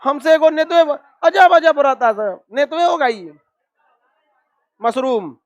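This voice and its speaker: High-voiced scolding teacher. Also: male voice, dry recording, lo-fi sound. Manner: scolding, calls students donkeys; rapid drilling questions, repeats answers. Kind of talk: classroom map lesson.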